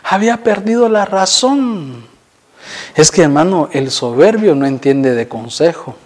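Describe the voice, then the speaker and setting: A man's voice: lively intonation, a little slow. A man preaching a sermon, constantly calling his listeners brother and acting out the quoted speakers with a rising voice. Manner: addresses listeners as "hermano" constantly; acts out quoted voices with rising pitch and volume.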